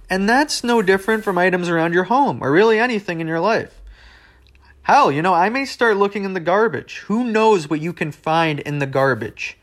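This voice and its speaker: A man's voice: high voice, a bit bright. A young man hosting a podcast in a casual, rambling, conversational way, full of asides. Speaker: podcast host. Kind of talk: casual solo podcast talk.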